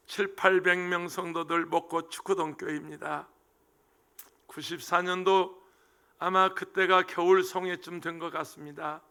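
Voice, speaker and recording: High bright-voiced preaching pastor. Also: male voice, gravelly. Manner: emotional storytelling, swings from hushed asides to shouting. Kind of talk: sermon.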